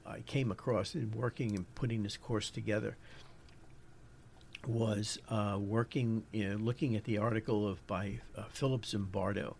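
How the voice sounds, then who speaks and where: A man's voice: lowish voice, fairly even intonation, normal speed, creaky, a little mellow, slight background noise. A man with a New York accent hosting a podcast, giving an informal lecture as he searches for his words. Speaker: podcast host.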